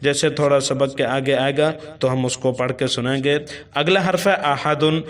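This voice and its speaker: A man with a Pakistani accent teaching Quran reading, spelling out syllables slowly in a chanting tone. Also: medium pitch, fairly even intonation.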